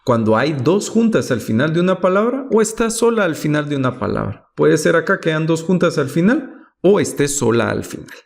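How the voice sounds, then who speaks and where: Man, Hebrew lesson, gravelly voice, lively pitch, methodical word-by-word examples. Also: fairly quick, few pauses. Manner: patient, methodical, reads examples aloud then translates. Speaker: Hebrew teacher. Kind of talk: explaining Hebrew pronunciation rules.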